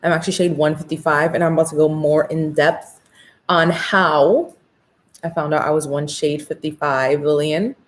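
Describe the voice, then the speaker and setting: An American woman from Orlando, Florida, talking with new braces as she hosts a casual live makeup class, upbeat, excited and slangy in chatting with viewers. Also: low-pitched, normal speed. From Orlando, Florida, USA. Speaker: makeup workshop host.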